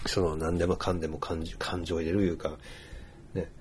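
A man speaking with a Hiroshima dialect in a relaxed, rambling casual monologue, full of fillers. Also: sits low, fairly quick, slightly rough.

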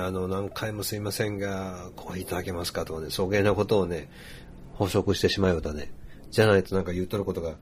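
A man speaking with a Hiroshima dialect in a relaxed, rambling casual monologue, full of fillers. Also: sits low, a little hiss or hum.

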